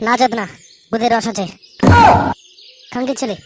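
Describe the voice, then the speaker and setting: A woman voicing a scheming, foul-mouthed male milk seller in a cartoon, cursing fast and crudely. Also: a little high, steady tone, very noisy. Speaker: cartoon voice performer.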